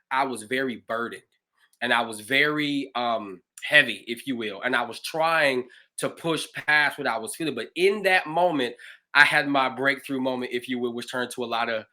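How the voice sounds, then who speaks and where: A man, a pastor hosting a livestreamed conversation, telling his own stories in an animated, expressive way. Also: medium pitch. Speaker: pastor and show host.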